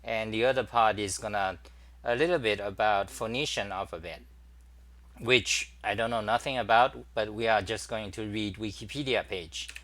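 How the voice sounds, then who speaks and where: A man hosting a casual livestream, demonstrating his computer workflow and greeting viewers, talking haltingly with many fillers and restarts. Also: on the low side, a bit bright. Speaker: talk show host. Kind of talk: casual screen-share livestream.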